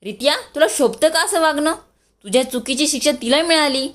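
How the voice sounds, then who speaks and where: A woman's voice: high-pitched, fairly quick, pitched above the performer's own voice, natural voice. Woman playing a cheerful teasing elder brother. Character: elder brother, a jovial grown man.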